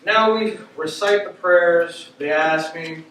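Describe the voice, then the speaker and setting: Male stand-up comic, lively storyteller, fairly high voice, heard from off mic in a room with strong echo and faint noise. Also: slow. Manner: animated, swears casually, quotes people in voices. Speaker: stand-up comedian. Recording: echoey room, mic from a distance.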